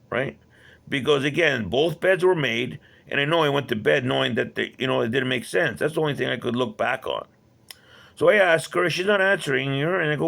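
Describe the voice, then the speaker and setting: A man with a gravelly, creaky voice tells a personal story straight to camera. He rambles and restarts, often checking in with the listener, and his telling sounds agitated. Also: a little high, a bit bright. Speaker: vlogger.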